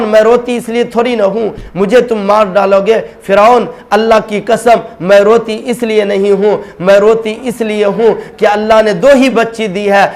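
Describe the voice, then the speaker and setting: A man preaching in a sermon, voicing a devout servant woman and mother who firmly refuses a king's demands. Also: sits high. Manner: pleading, steadfast.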